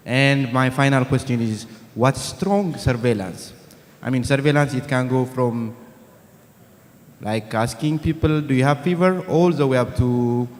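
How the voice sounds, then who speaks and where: A student from Ethiopia asking a panel a question from the audience, phrasing it in a hesitant, searching way. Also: male voice, mid-range voice, a little mellow. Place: conference hall. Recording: reverberant conference hall.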